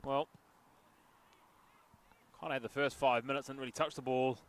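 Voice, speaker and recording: A man giving chatty live commentary on a local football match outdoors, with jokey asides and excited bursts at chances. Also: medium pitch, moderate pace. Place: outdoors at a local sports field. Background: passing traffic.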